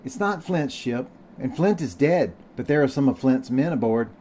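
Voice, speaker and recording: A man voicing an eager, brave young boy on a sea voyage who asks his questions in a high, excited voice. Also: normal speed, a little hiss or hum, lightly acted. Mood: urgent.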